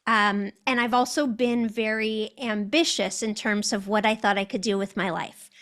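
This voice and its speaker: A woman's voice: medium pitch, steady tone, moderate pace, fairly bright tone. A woman with an American accent, a guest telling her story in an interview, articulate and reflective.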